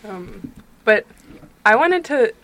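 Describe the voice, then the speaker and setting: A woman's voice: on the high side, big pitch swings, slow, a bit bright. A woman chatting casually on the radio, recalling something and then asking another guest a question.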